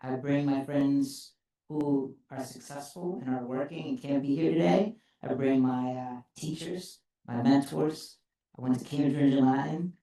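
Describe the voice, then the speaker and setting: Earnest man with a mellow voice. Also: mid-range voice, steady tone. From El Salvador. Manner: earnest, deliberate, grateful. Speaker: panelist. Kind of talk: panel introduction. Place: conference hall. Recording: echoey conference hall.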